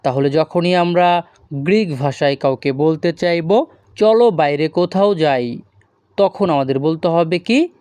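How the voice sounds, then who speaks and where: A language teacher walks beginners through everyday phrases at an unhurried pace, breaking each one into single words. The voice sits at a middling pitch, and the recording is close and dry with no room sound. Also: a little mellow, clean tone, no echo. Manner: slow, deliberate, repeats phrases word by word.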